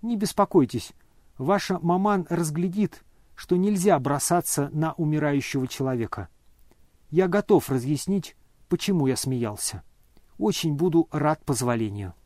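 A man voicing a calm, weary dying young man who speaks hoarsely and quietly, almost in a whisper. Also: a little high, dry recording, clean studio sound. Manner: calm, polite, measured.

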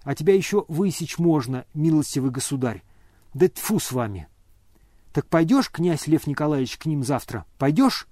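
A man's voice: a little high, expressive, moderate pace, warm tone, no room sound, studio quality. A man voicing an indignant older noblewoman who scolds and exclaims. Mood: scolding.

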